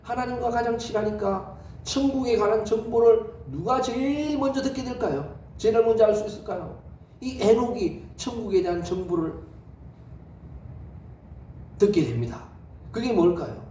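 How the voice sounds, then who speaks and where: A male pastor delivers a sermon as a lively story, full of rhetorical questions. His voice sits high and swings widely in pitch. He sounds far from the mic in a reverberant sanctuary with a faint hiss underneath. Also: moderate pace. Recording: echoey hall, distant mic, faint noise.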